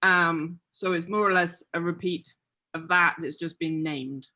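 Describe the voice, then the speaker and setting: A woman's voice: fairly low pitch, fairly even intonation, unhurried, pushed and bright. A woman on a video call adding context to the discussion in an assured, matter-of-fact way. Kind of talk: meeting contribution.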